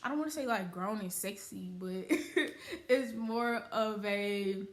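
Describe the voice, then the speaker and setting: A woman's voice: medium pitch, unhurried. A woman in her early twenties talking casually to her viewers in a vlog, saying "like" often. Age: early 20s. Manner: chatty, uses "y'all" and "like" often. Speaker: YouTuber.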